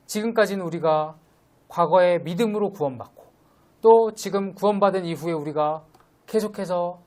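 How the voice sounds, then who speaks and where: A young man giving a conversational midweek sermon, gently teasing and explaining scripture to his congregation. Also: on the high side. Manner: conversational, gently teasing, acts out quoted voices. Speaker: preacher.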